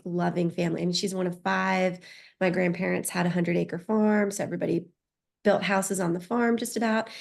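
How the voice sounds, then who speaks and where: Her voice is gravelly and medium in pitch. A Spanish-speaking American woman in her thirties or forties, she appears as a podcast guest, reflecting openly on her life story in an interview and frequently starting sentences over.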